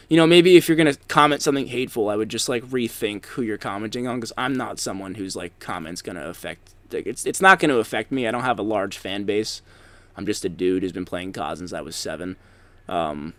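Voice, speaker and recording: A man's voice: medium pitch, a bit bright. A young man giving casual, rambling commentary over gameplay, swearing often and filling gaps with ums and likes. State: has the hiccups. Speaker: gaming YouTuber.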